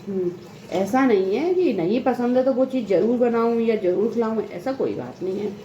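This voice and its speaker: A woman's voice: fairly high pitch, animated, moderate pace, dark tone, highs cut off, slight background noise. A woman in her thirties, a mother chatting casually while doing housework, rambling and laughing often. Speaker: vlogger and mother. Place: home bathroom. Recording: echoey room with faint ambience.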